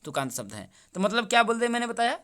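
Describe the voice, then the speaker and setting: A man's voice: very high voice, big pitch swings, rapid-fire, pushed and bright. A young man solving an exam paper as a teacher, asking each question back to his listeners and repeating the answer. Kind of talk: exam paper solution lesson.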